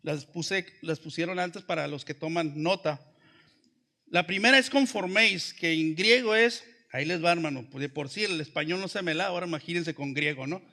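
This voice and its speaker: A man's voice: fairly high pitch, moderate pace, vocal fry, pushed and bright. A man preaching a sermon in a conversational way, asking many rhetorical questions and addressing the congregation as brothers. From Mexico. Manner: often addresses listeners as brothers.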